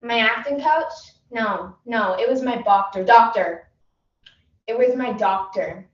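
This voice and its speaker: Brief: flat, nervous young actress, played by a woman, high voice, dull echoey sound. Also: measured pace, natural voice. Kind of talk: competitive humorous interpretation. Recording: echoey room, distant mic, dull sound.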